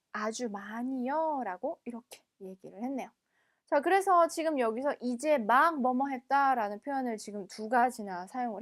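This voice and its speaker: High-voiced woman teaching French slowly. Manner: patient, reads each French phrase slowly twice. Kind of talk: textbook lesson explaining French phrases.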